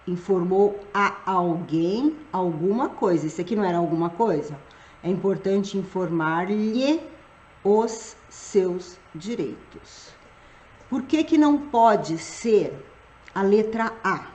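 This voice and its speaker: A woman's voice: mid-range voice, animated, a little mellow. A woman teaching grammar for exams in a live online lesson, checking often that her students follow. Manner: explains slowly, checks understanding with "tá?" and "gente". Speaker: Portuguese teacher for civil service exams. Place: room at home, live stream. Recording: roomy echo.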